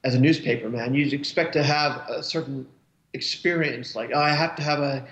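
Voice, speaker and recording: Over a webcam video call, a male cartoonist in his forties chats loosely from home with many false starts and filler words. The voice is mid-range and a bit bright at a normal speed, captured in roomy, dull call audio.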